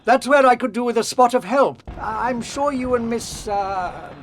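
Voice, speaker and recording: A man's voice: extremely high pitch, moderate pace. A man playing a jovial, fussy old British wizard professor in a video game, with an effusive, theatrical, avuncular manner. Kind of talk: video game cutscene acting.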